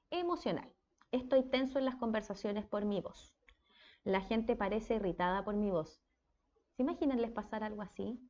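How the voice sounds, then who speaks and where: A woman with a Chilean accent gives a casual speech therapy lecture in a dark, medium-pitched voice, with the highs cut off. Her style is conversational, and she checks in with her students often, frequently asking "¿ya?"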